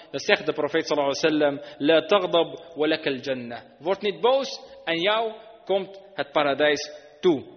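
This Islamic sermon comes from a high-voiced man whose earnest explanations are sprinkled with Arabic. The hall echoes with long reverb, and the recording sounds dull and lo-fi.

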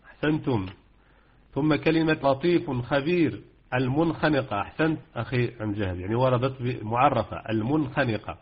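Moroccan guy teaching recitation rules, kinda husky voice, keeps going "aah", dull lo-fi sound. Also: mid-range voice. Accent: Moroccan Arabic. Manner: hesitant, many fillers and repetitions. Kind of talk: informal rules lesson with students.

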